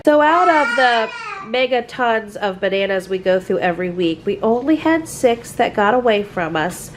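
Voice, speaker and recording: A woman's voice: on the high side, expressive, normal speed, slight background noise. A woman vlogging casually from her farm kitchen and barnyard, chatty and homey, coaxing her animals along. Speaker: homestead vlogger. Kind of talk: casual chat to camera.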